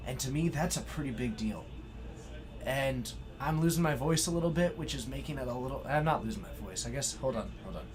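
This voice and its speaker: An excitable man hosts a live stream over music, delivering play-by-play commentary on a card game match. His voice is medium-pitched and fairly quick, and he thanks his viewers effusively.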